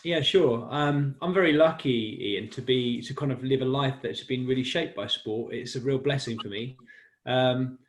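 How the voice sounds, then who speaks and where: A cycling commentator in his forties from West London, England, chats as a guest in an interview about his life in sport, self-deprecating and quick to laugh. His mid-range voice moves at a moderate pace, and the recording has a little hiss or hum.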